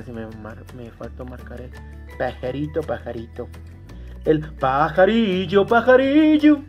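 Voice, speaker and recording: A man hosting a casual toy unboxing for viewers. He bursts into delighted exclamations and is fond of cute diminutives. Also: mid-range voice. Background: background music.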